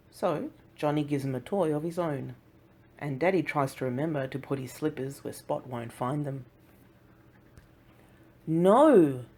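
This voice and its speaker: A woman reads a children's storybook aloud in a low voice. She moves slowly and clearly, giving each sentence room. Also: a little mellow. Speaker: audiobook narrator.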